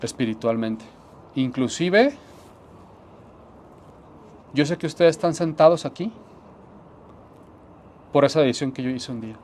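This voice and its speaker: A man preaching, sharing a personal testimony with earnest conviction. He repeats key phrases and sinks into quiet tones to stress them, at a middle pitch. A faint hiss sits under the recording. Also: lively intonation, unhurried, pauses often. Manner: earnest, repetitive, drops to soft tones for emphasis. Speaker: pastor. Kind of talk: sermon testimony.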